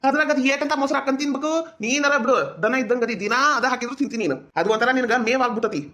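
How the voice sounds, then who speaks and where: A woman with a North Karnataka Kannada accent acting in a village comedy sketch, grumbling and complaining with rapid-fire retorts. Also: fairly high pitch, a bit bright.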